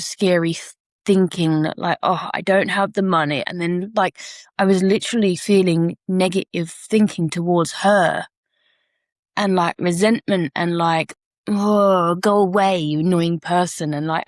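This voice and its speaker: A woman's voice: fairly low pitch, steady tone, moderate pace, no room sound, studio quality. A woman co-hosting a podcast, telling a personal story frankly and reflectively and swearing casually. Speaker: podcast co-host.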